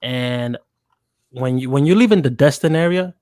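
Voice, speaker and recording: A man's voice: mid-range voice, normal speed, darkish tone, no room sound. A man on a video call telling a story in a laid-back, slangy way, checking in with "right?" as he goes. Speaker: podcast guest. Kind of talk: casual storytelling chat.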